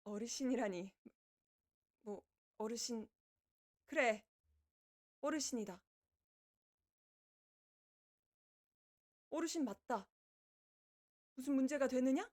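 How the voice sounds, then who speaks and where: A woman's voice: a little high, measured pace, long pauses, darkish tone, natural voice. A woman voicing a kindly, lordly female reaper from the underworld who chats to livestream viewers in archaic speech. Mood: mildly indignant. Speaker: virtual streamer hosting a debut live broadcast. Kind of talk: in-character livestream chat with viewers.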